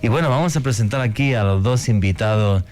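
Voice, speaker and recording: A radio host leads a casual chat, telling stories in an animated, enthusiastic way full of slang. His voice is on the low side and brisk.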